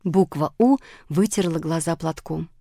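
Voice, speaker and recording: A woman reading a children's audiobook aloud, telling it lively and giving each character a voice. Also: lowish voice, moderate pace, no echo, clean studio sound. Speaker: narrator.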